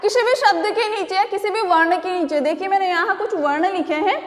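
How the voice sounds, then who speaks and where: A woman school teacher giving a recorded spelling lesson to children, going slowly and asking them questions again and again. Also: extremely high pitch, big-room sound. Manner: slow, repeating call-and-response questions to pupils.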